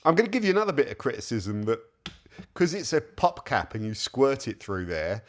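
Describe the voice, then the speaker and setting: A man's voice: medium pitch, sing-song, a little fast. A man giving a casual car-care product review, reading labels aloud with wry asides.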